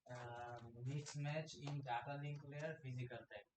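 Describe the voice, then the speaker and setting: A man's voice: medium pitch, steady tone, unhurried, distant mic. A man guiding fellow students in casual talk, repeating short instructions. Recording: echoey room with faint hiss.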